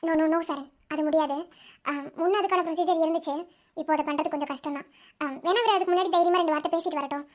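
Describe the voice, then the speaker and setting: A woman voicing a calm reassuring doctor. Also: very high-pitched, fast. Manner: soothing, firm, mixes English words. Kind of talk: cartoon voice acting.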